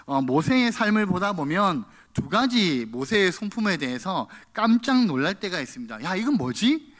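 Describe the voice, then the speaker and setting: A man's voice: high-pitched, very animated, normal speed, fairly bright tone. A male pastor preaching a sermon in church, acting out the quoted prayers in a raised voice.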